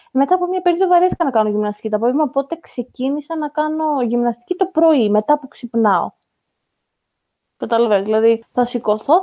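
A woman co-hosting a podcast in casual chat, talking in a chatty, animated way. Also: on the high side. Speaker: podcast co-host.

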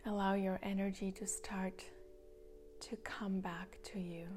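Slow, soft-spoken woman guiding meditation. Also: mid-range voice, level tone, slight background noise. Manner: slow, soft, partly whispered guidance. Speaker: meditation guide. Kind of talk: guided meditation.

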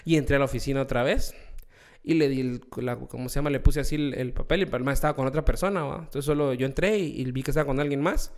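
A comedian from Guatemala with a Guatemalan accent, telling a story in casual chat, swearing and acting out other people's voices. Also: male voice, mid-range voice, fast. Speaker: comedian guest.

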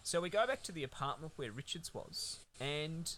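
A man with a bright, forceful voice co-hosts a casual film-review podcast. He rambles through the plot, swearing freely in a laid-back drawl. Faint noise hums underneath. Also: a little high, animated, moderate pace. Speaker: podcast co-host.

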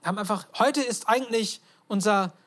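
Woman, preacher, conversational sermon, lively storytelling, rhetorical questions, mid-pitched voice. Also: normal speed. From abroad, moved to Germany.

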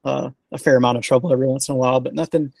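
A retired Army sergeant, a man, being interviewed, telling stories in a relaxed, rambling way full of fillers and restarts. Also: mid-range voice, very fast, gravelly, no room sound. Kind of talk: casual storytelling interview.

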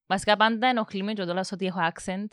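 A young music production student with a Cypriot Greek accent handles interview questions casually, with lots of fillers, hesitations, and English words mixed in. Her voice is medium-pitched with fairly even intonation, captured in clean, dry studio sound.

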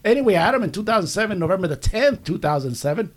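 A man with a high voice and big pitch swings talks fast while co-hosting a casual comedy podcast. He jokes, laughs often, and keeps calling his co-host by name.

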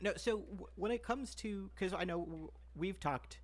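A man's voice: high-pitched, normal speed. A man hosting a podcast in casual chat. He rambles with many fillers and restarts while asking his guest questions. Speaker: podcast host.

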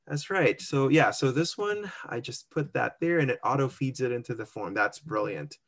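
In a casual screen-share, a co-host walks through an online immigration form, thinking aloud and chuckling at his own mistakes. He has an expressive, fairly bright mid-range voice and a moderate pace.

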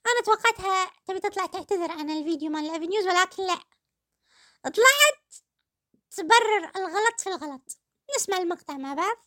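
Kuwaiti woman podcast host, quick, high-pitched, mocking commentary in a dry booth. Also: fairly bright tone, no echo. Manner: sarcastic, addresses listeners fondly. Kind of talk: satirical commentary.

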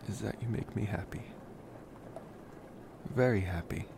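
A man's lowish, creaky voice carries an ASMR roleplay as a young college vampire, smitten and tender. He speaks softly, hesitating and pausing affectionately, over a noisy background.

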